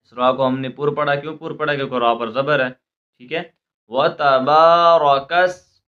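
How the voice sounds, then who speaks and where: Slow-spelling male recitation teacher. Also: fairly high pitch, highs cut off. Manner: slow drawn-out letter spelling, then quick explanations; repeats "theek hai" often.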